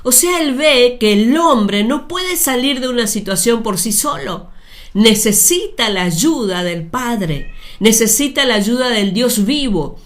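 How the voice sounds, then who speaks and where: A woman preaching a sermon, speaking deliberately with repeated phrases and addressing her listeners directly. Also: fairly high pitch, animated.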